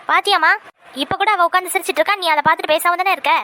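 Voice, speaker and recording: A cheeky teenage daughter in a homemade cartoon, voiced by a woman. She whines and boasts in a very high, bright voice. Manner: whiny, boastful.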